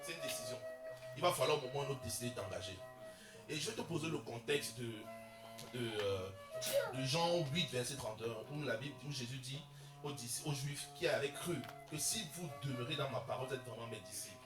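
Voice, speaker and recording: A man preaching a sermon as pastor, calling out to the congregation and rising to loud bursts. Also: mid-range voice, expressive, brisk, recorded from a distance, over music. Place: large church hall, voice from the PA. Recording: roomy echo from afar.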